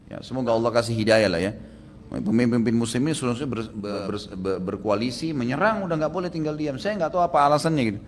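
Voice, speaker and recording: A male preacher answers audience questions at a brisk clip, pressing his points with emphatic bursts. His voice carries a long hall reverb over a faint murmur of ambience. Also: mid-range voice, slight background noise. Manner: animated, emphatic, rising to forceful exclamations. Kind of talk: Islamic Q&A lecture.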